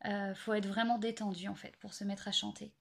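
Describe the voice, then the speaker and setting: A young woman explaining singing basics in a casual, hesitant way, full of pauses and fillers. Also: mid-range voice, flat delivery, creaky. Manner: hesitant, many fillers and restarts. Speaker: singing teacher. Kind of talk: casual spoken singing tips.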